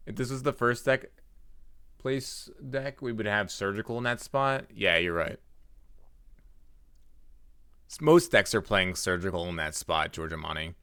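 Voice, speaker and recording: A man's voice: fairly low pitch, moderate pace, bright, forceful tone, clean tone, no echo, clean studio sound. A man livestreaming, chatting through a headset mic as he plays and reacts aloud to his game and his chat. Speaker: livestreamer and card game player. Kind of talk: live gameplay commentary.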